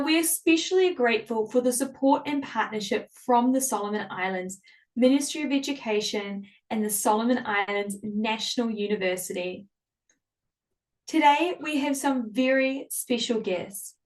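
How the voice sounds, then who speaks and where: A woman hosting a live online classroom in an enthusiastic, welcoming, upbeat presenting style. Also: on the high side. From Samoa or New Zealand. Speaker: host.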